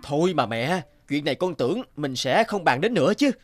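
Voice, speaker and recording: Patient young husband, animated and fairly high, gentle pleading. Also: male voice, a little fast. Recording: loud background music.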